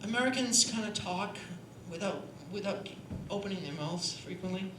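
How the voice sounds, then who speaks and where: Her pitch sits in the middle and her pace is moderate. On a panel at a performance hall, this singer and voice teacher chats through a breathing demonstration, often checking in with "right?", and the hall's echo and steady background noise come through on the recording.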